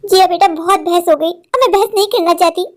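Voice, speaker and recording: A woman's voice: extremely high pitch, steady tone, fast talker. A woman voicing a doting, overprotective mother in a cartoon, affectionate but firm with her daughter. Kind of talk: cartoon voice acting.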